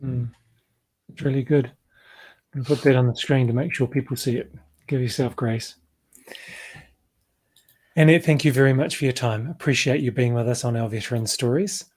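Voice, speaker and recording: A man hosting an interview show, speaking in a measured, thankful way as he wraps up. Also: medium pitch, darkish tone, slightly rough.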